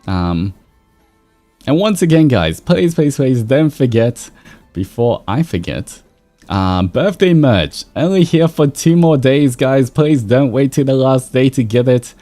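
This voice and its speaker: A man hosts a livestream as a VTuber, chatting loosely and rambling to his audience over background music. His mid-range, mellow voice is expressive and keeps a measured pace.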